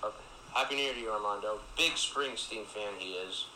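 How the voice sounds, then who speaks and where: A man's voice: on the low side, brisk, pushed and bright. Young guy rambling on his podcast, upbeat, bit of echo and faint hiss. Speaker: podcast host. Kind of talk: casual family podcast chat. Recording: echoey room with faint noise.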